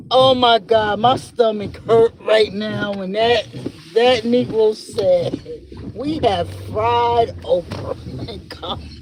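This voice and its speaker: A woman's voice: on the high side, a little mellow, poor audio. A woman hosting a podcast in a casual solo chat from her car. She talks while driving, rambles, and laughs often as she tells stories. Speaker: podcast host. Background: faint road and vehicle noise.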